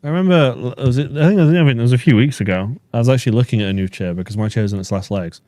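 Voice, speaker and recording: A man's voice: mid-range voice, rapid-fire, mellow, no echo, studio quality. A man from England, co-hosting a game livestream in casual chat and laughing easily. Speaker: stream co-host. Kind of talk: casual chat while gaming.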